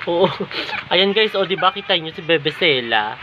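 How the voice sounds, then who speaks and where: A man from the Philippines chats casually into his phone camera while vlogging at home, addressing his viewers as guys over and over. The audio is dull and lo-fi, with steady background noise and the hum of household sounds clearly present. His delivery is loose and conversational. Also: on the high side, normal speed. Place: at home indoors.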